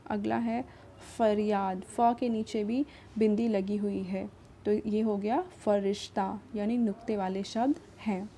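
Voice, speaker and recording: Soft-toned woman teaching children. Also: mid-range voice, steady tone, slow, a little hiss or hum. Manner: patient, repeats and rephrases each point. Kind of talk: explanatory grammar lesson for children.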